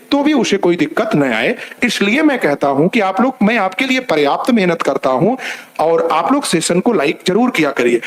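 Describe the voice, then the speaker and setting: A man teaching an online grammar class. He explains step by step, repeating points and asking rhetorical questions, and he addresses his listeners as children. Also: sits high.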